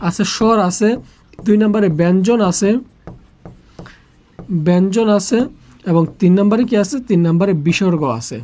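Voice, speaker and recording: Teaching grammar in a live online class, this speaker drills by repeating each question and then answering it, over and over. The voice is mid-range and warm, with fairly even intonation, a moderate pace and frequent pauses.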